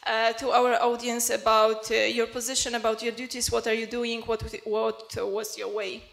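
A woman's voice: on the high side, little pitch movement, moderate pace, vocal fry, fairly bright tone. A woman moderating a conference panel, asking questions hesitantly. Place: conference hall.

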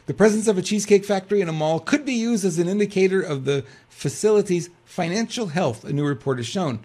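An older man co-hosts a news talk show from a webcam setup, his voice swooping up and down as he fires off rhetorical questions. He reads headlines, then breaks into loose, restart-filled commentary. The pitch sits a little high for a man. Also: lively intonation, quick pace, darkish tone. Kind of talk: casual commentary and reading news aloud.

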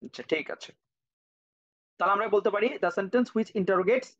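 Speaking at a normal speed with a high, fairly bright voice, a Bangladeshi teacher guides children through English grammar in an online class. He's patient, repeating, spelling out words, and checking in with students by name. The audio is dull and lo-fi from a cheap computer mic.

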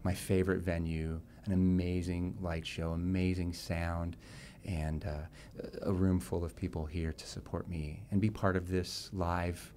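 A man with a very low voice talks in a candid pre-show interview, chatty and self-deprecating, and he laughs easily. He sometimes sounds choked up. Faint noise sits behind him. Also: little pitch movement, measured pace, mellow. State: choked up at times. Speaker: singer being interviewed. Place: club venue before a show.

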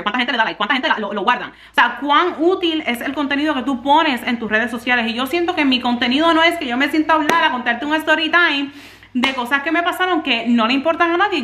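Young woman, Puerto Rican accent, frank rambling vlog talk, higher voice, roomy echo. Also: pushed and bright. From Puerto Rico. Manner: frank, rambling, emotional venting. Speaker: vlogger and content creator. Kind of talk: candid casual vlog talk.

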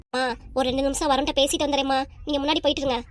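Brief: woman as playful young cartoon heroine, southern Tamil accent, quick delivery. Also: sits high, level tone, no room sound, lightly acted. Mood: eager. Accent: Tamil, southern Tamil Nadu. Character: young woman in love, shy and sweet.

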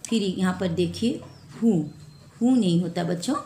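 A woman teaching a spelling lesson to children, repeating each word slowly and correcting mistakes one by one. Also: fairly low pitch, warm tone. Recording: echoey room with faint ambient noise.

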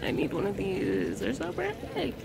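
A woman's voice: mid-range voice, wildly swooping pitch, moderate pace, vocal fry, very noisy. A woman in her twenties vlogging casually while touring a historic house and garden, talking enthusiastically and saying "like" a lot. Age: 20s. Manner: chatty, enthusiastic, lots of "like". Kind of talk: casual chat. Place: historic house museum and garden, indoors and outdoors.

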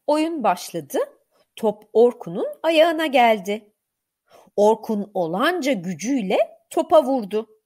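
Woman teacher, storybook reading for first graders, high and bouncy delivery, unhurried. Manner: clear, expressive, deliberate. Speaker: primary school teacher. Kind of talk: storybook reading for young children.

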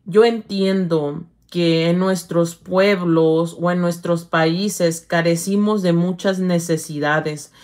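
A middle-aged woman hosts a casual livestream, greeting viewers by name as she reads their comments. Her voice sits a little low, and her speech is warm toward her viewers but halting, with some stumbles. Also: fairly even intonation. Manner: affectionate, calls viewers "hija", halting with slips. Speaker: livestream host.

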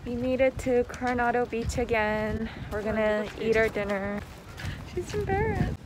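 A woman's voice: a little high, moderate pace. Young woman vlogging through a face mask. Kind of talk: casual vlog chat. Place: outdoors. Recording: noisy outdoor ambience.

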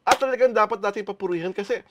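A man's voice: sits high, racing, background noise. A man hosting a showbiz talk show, chatting casually in a gushing, playful way as he heaps praise. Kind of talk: casual showbiz chat in Taglish.

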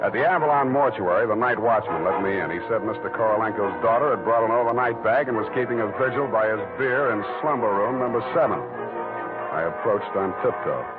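A man's voice: on the low side, brisk, natural voice. An actor playing a wisecracking male private eye who narrates his case in a dry, sardonic 1940s radio drama style. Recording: tinny old radio broadcast with loud music.

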